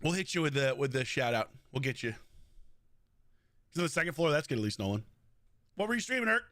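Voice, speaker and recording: Animated, profane male game streamer. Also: on the high side, fast, no echo, clean studio sound. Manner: animated, profane, joking banter with chat. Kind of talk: casual live-stream chat.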